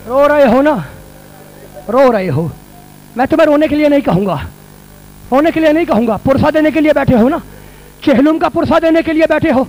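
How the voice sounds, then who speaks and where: A man's voice: very high-pitched, gravelly. A male religious scholar preaching a passionate mourning sermon to a gathering in a mosque hall. He repeats his phrases for emphasis and builds toward cries.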